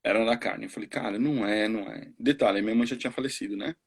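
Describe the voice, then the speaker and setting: Brazilian man, forties, missionary giving a casual testimony. Husky, breathy tone; animated storyteller who acts out the voices of people he quotes. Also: fairly low pitch, quick pace. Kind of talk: casual testimony on a live stream.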